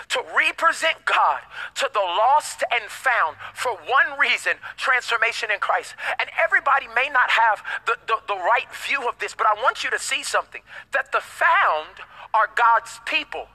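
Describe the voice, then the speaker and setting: A man's voice: very high voice, lively intonation, measured pace, sharp tone, poor audio. A man preaching a sermon as pastor, emphatic, with call-and-response and casual slangy asides.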